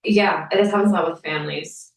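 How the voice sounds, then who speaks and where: A woman guides a small group through a somatic workshop, her voice gentle and sometimes sinking to a soft whisper. She sits a little back from the mic, and the room around her rings with echo. Her pitch sits low for a woman. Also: brisk. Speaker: somatic practitioner leading a workshop. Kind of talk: workshop teaching and Q&A. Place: room at a wellness center with a live group. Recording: echoey room, mic far off.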